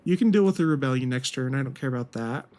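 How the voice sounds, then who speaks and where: A man's voice: mid-range voice, lively intonation, fast talker, dark tone. A man thinks aloud in casual commentary as he plays a strategy game. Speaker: gaming video host.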